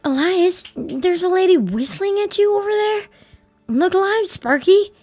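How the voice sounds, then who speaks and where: A woman's voice: very high-pitched, lively intonation, measured pace, no room sound, soft background music. A woman voicing a teasing young woman. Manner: teasing, bright and playful. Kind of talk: audiobook dialogue.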